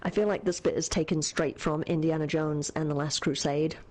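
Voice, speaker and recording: Low-sitting and a little mellow, her voice stays steady as she talks a little fast. The young woman co-hosts a game stream, laughing, using fillers, and reading chat messages during casual let's-play talk.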